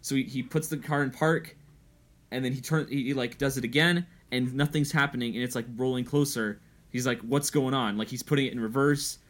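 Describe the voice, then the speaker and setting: A man's voice: mid-range voice, fairly even intonation, fairly quick. A young adult man hosting a podcast in casual chat, telling a story animatedly and acting out quotes. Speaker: podcast host.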